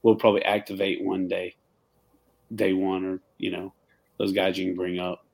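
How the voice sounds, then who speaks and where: A man's voice: low-pitched, flat delivery, normal speed, vocal fry. A man appearing as a guest on a sports podcast, chatting in an easygoing way with lots of fillers and hesitations. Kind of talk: casual sports podcast chat.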